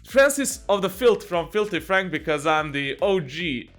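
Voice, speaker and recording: High-voiced joking young man. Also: animated, moderate pace, fairly bright tone. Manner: jokey, laughs often, many fillers and restarts. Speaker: channel host and game coach. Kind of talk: casual Q&A vlog.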